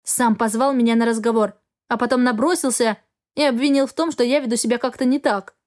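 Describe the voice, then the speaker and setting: A woman narrating a fantasy novel in the first person, expressive storytelling. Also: fairly high pitch, a little fast. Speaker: audiobook reader.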